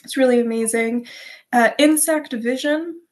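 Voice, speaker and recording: A woman's voice: sits high, a little slow. A woman speaking unscripted as a channeler guest in a spiritual interview, earnest and drawing out words for emphasis.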